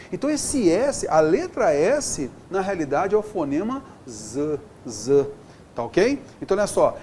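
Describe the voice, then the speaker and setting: Brazilian male teacher, upbeat and chatty, lively up-and-down pitch, faint hum behind. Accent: Brazilian Portuguese. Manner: upbeat, lively and chatty, with constant check-ins to the student. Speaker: Portuguese teacher. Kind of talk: exam-prep video lesson.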